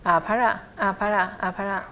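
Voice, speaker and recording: A middle-aged woman teaching a class to pronounce a chant, patiently encouraging students and sounding out syllables slowly. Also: mid-range voice, fairly even intonation, sharp tone. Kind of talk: pronunciation lesson.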